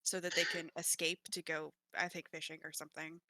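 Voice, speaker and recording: A woman chatting at a tabletop game session, telling a quick family story and reacting to the others. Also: low-pitched, level tone, pushed and bright, no echo. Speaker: player. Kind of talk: casual chat at a game table.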